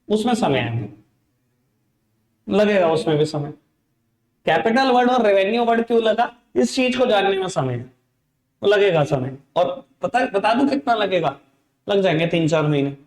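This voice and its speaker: Playful high-voiced male accounting teacher. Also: animated, normal speed, a little mellow, reverberant. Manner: playful, teasing, talks straight to students. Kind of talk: online class lecture.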